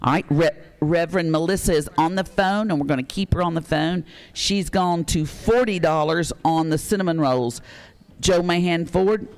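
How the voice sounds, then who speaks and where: A man runs a local charity auction. He reads off bids, donors and items in a folksy, chatty way, often pausing on fillers. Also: on the high side, clean tone. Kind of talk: live charity auction announcing.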